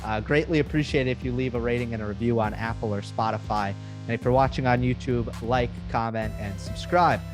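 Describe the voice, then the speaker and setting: A man hosting a casual tennis podcast, relaxed and joking, with lots of ums and uhs. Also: medium pitch, a little fast, hardly any pauses, music in the background. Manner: relaxed, filler-heavy, joking. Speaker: podcast host.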